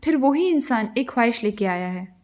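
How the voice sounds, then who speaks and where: A woman voicing a calm, loyal male fairy who speaks gently and respectfully in a storybook tale. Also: a little high, close to an everyday voice. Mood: gentle, respectful. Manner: soothing, respectful.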